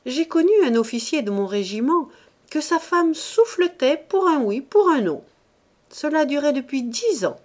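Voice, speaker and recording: A woman's voice: high-pitched, very animated, moderate pace, a little mellow, pitched above the performer's own voice. A woman voicing a retired male army captain telling an anecdote with emphasis. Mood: gossiping.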